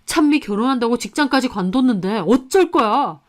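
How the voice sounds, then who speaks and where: A woman's voice: fairly high pitch, animated, a little fast, close to an everyday voice. A woman voicing an angry young husband who blames his wife in a storytelling radio drama. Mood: accusing. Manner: accusing, whining.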